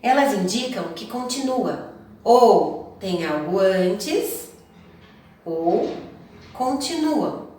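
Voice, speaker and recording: A woman teacher, explaining slowly and deliberately to children in a lesson. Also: mid-range voice, lively intonation, darkish tone. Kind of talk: classroom lesson. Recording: very echoey room, voice far from the mic.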